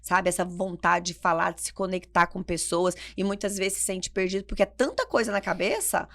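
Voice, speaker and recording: Woman, podcast co-host and consultant; energetic, emphatic delivery with gravelly fry. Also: on the low side, brisk. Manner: energetic, emphatic, explains with everyday examples. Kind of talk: conversational podcast talk.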